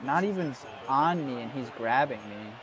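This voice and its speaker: A man's voice: medium pitch, lively intonation, moderate pace, dull audio, a crowd in the background. A young man streaming a football video game, chatting casually with viewers, swearing often and greeting them by name. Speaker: gaming streamer. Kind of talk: casual live gameplay commentary.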